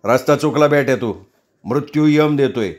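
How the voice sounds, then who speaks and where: A man's voice: medium pitch, normal speed, natural voice. A man voicing a blunt, sardonic middle-aged gang boss.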